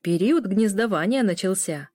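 A cheeky, jovial young man who loves to needle the others, as a woman reads him. His voice is mellow and dry, close up. He sounds amused and mocking. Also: medium pitch, lively intonation, normal speed, no room sound, lightly acted. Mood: teasing. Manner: mocking, teasing.

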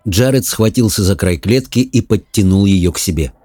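A man reading an audiobook in an even, measured manner. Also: deep voice, no room sound. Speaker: narrator. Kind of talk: audiobook narration.

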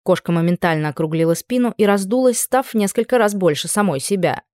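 A woman narrating a first-person fantasy audiobook in a lively, expressive reading. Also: medium pitch, fast talker, no echo, studio quality.

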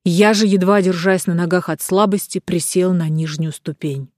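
A woman narrating an audiobook in a measured, steady reading. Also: lowish voice, dry recording, studio quality.

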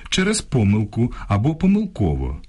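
A man presenting a language program on radio, reading a script in a measured, instructive way, contrasting correct and incorrect phrases. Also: lowish voice, wildly swooping pitch, dark tone, breathy edge. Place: radio studio.

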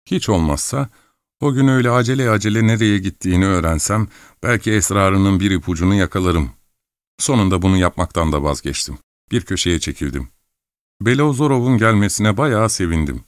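A man from Turkey reading an audiobook in a calm, wistful manner. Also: deep voice, fairly quick, dry recording, studio quality. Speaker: audiobook narrator. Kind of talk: audiobook narration.

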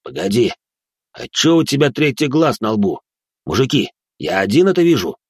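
A rough, swaggering bald thug, as a male narrator plays him, loud and coarse, a touch higher and pushier than the reader's usual voice. Dry, close recording. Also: very animated, normal speed, no echo. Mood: cocky. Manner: coarse, swaggering street talk. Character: bald, brutish male gang leader, cocky then howling.

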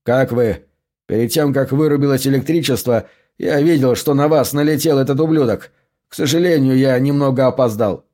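Man voicing a brisk police inspector. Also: medium pitch, warm tone, close to an everyday voice. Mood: concerned.

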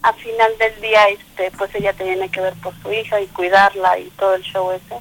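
Over a poor telephone line, a middle-aged woman from Mexico City with a Mexican Spanish accent shares her story as a small business owner on a call-in interview. Her mid-range voice is flat and moderately paced, though she's chatty, laughing often and using lots of fillers.

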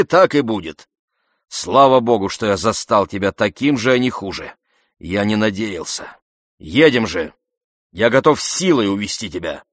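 An energetic, insistent friend presses his case loudly and emphatically, as a male narrator puts him on. The voice is brisk and commanding in this storybook reading. The sound stays close and dry. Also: lowish voice, no room sound. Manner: emphatic, urging, loud.

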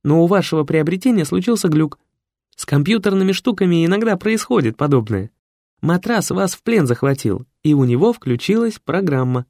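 A man reading an audiobook with lively, theatrical narration. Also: fairly high pitch, fairly quick, no room sound, clean studio sound. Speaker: audiobook reader.

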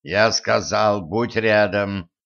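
A man reading a stern, sarcastic immortal man who speaks slowly and low, with dry humor. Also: lively intonation, a bit bright, dull audio. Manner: slow, low, dryly mocking.

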